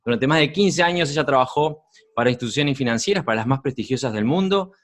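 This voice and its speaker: A man with a Rioplatense Spanish accent, hosting a podcast interview. His voice sits at a middle pitch, and his delivery is friendly and conversational. He asks questions with open curiosity. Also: animated, quick pace, a little hiss or hum. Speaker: podcast host.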